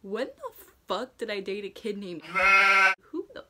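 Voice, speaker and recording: A young American woman reading and chatting casually, with an animated, theatrical delivery and amused self-mockery. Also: mid-range voice, unhurried, very noisy. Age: young adult. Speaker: vlogger. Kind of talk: casual chat and reading own childhood diaries aloud. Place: dark room indoors at home.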